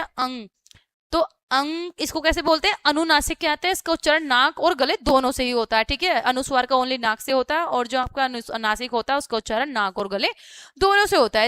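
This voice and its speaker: A woman teaches a children's grammar lesson in a clear, bright voice that sits high. She sounds words out letter by letter, asks questions and answers them herself, and keeps checking in with the class. The recording is dry, with no room sound. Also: dry recording. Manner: explains step by step, asking and then answering her own questions; repeats "ठीक है" often as a check-in.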